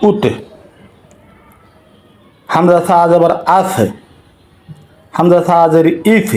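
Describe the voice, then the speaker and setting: A man teaching Quran reading, slowly spelling out and repeating syllables for learners to practice. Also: fairly high pitch, darkish tone, rough recording. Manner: slow, drilling syllables with repetition. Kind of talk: slow recitation lesson.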